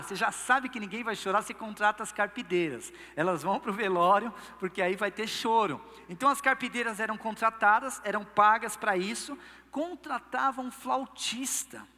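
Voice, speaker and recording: A man's voice: high-pitched, moderate pace, pushed and bright. Brazilian pastor guy preaching, playful storyteller, echo hangs in the church. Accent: Brazilian Portuguese. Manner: playful storytelling, acts out quotes. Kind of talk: sermon. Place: church service.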